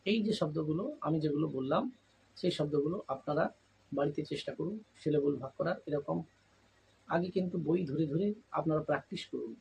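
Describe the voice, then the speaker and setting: A man teaches English in a patient lesson. His voice sits a little high, with a gravelly edge. He breaks words into syllables and spells each letter slowly over faint background noise. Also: darkish tone, low-quality recording. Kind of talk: spoken lesson.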